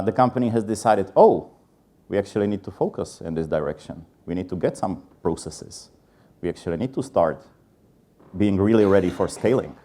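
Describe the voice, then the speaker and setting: On a conference stage, a Czech-accented man in his thirties from the Czech Republic delivers a self-deprecating, candid talk peppered with filler sounds. His voice runs on the low side with a dark tone.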